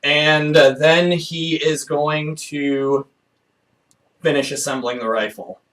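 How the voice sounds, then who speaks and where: A man's voice: on the high side, steady tone, takes it slowly, fairly bright tone. A man running a tabletop game as game master, calling turns and ruling on actions with frequent laughs. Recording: distant mic with faint noise.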